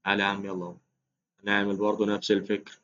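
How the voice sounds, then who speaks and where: A man with an Egyptian Arabic accent gives a casual, chatty math lesson, coaxing his listeners and counting aloud as he works through it. His fairly low, fairly bright voice races along in a completely flat delivery, with the highs cut off.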